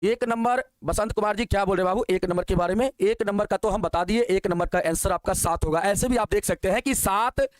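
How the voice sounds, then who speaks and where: A male maths teacher, coaxing and encouraging as he works through problems. His voice sits very high. The sound is dry and close, with no room. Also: no echo. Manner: coaxing, calls students "babu", asks quick questions. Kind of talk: online exam-prep lesson.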